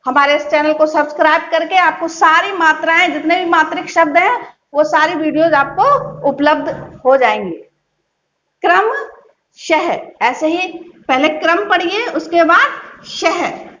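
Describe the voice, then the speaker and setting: A woman teacher giving a reading lesson, speaking slowly and patiently, repeating words syllable by syllable. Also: very high voice, a bit bright. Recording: dull, echoey room.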